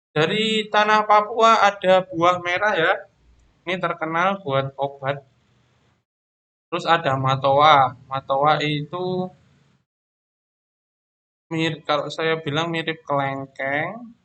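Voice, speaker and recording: A man teaching a primary school class online, explaining slowly and patiently, often pausing on "ya" and "terus". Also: on the high side, bright, forceful tone.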